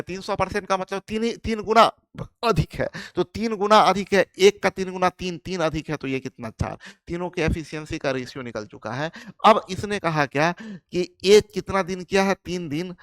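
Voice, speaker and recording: A man teaches a live maths class, explaining each step and calling his students friends. His voice sits high. The sound is dry, with no room echo. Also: fairly bright tone.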